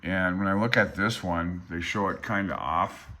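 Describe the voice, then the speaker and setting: An older man with a deep voice that carries a bright edge presents as an amateur radio hobbyist, reading from a handbook in an informal tutorial and adding asides. He speaks at a moderate pace and sounds hesitant, self-deprecating, and unsure of himself.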